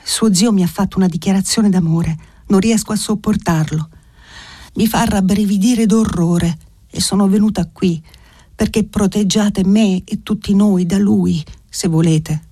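A man's voice: sits high, fairly even intonation, measured pace, mellow, dry recording, studio quality, voice pushed up. A man reading an audiobook voices a frightened young woman who has fled to her guardian, speaking in a pleading, anxious way.

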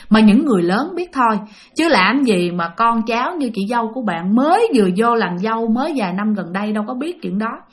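A woman telling a spoken ghost story, lively and acting out the quoted voices. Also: medium pitch. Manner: animated retelling with acted quotes.

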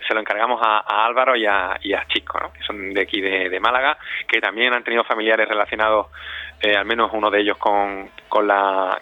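This man, a community radio director being interviewed, has a lowish voice with a sharp tone and no room sound around it. He answers thoughtfully and conversationally, frequently repeating words as he searches for how to say things. The audio is dull, lo-fi and dry.

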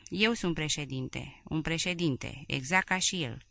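A woman's voice: deep voice, gravelly, bright, forceful tone, full character voice. A woman voicing an aging male head of state who barks orders and rants indignantly. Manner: barking, indignant.

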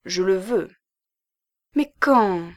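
A woman's voice: medium pitch, expressive, very slow. A woman voicing a young coquettish married woman with a pleading, sighing lilt. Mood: yearning.

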